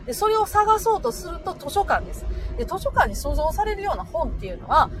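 A middle-aged woman from Osaka and Nara with a Kansai accent, talking off the cuff on a livestream in a rapid, chatty way. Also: very high-pitched, sing-song, a faint crowd, a little hiss or hum. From Osaka-born, raised in Nara. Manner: rapid chatty machine-gun talk. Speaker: livestream host. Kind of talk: unscripted livestream talk reading comments.

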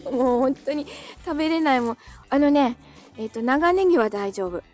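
A woman's voice: sits high, lively intonation, moderate pace, a little mellow, faint music behind. A woman hosting a casual live audio stream, chatting, reading out listener comments and laughing often, with a dry throat.

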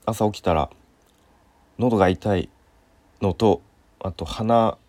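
A man in his thirties hosting a casual solo talk show, relaxed and unhurried with lots of fillers, his throat a little sore and his nose stuffy. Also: sits low, no echo. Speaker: podcast host.

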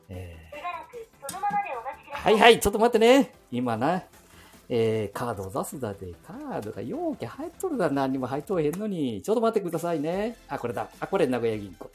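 Speaking in a slightly high voice with a darkish tone, a Nagoya-dialect man in his 70s who hosts a podcast chats to himself in a rambling monologue. He chuckles and adds asides as he walks outdoors and goes into a bank ATM booth.

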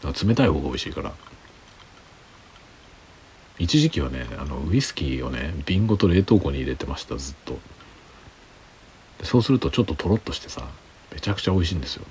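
A tipsy man rambling casually in a hushed late-night solo chat as a livestream host. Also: very deep voice, very animated, fast, long pauses, a little hiss or hum. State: drinking alcohol, tipsy.

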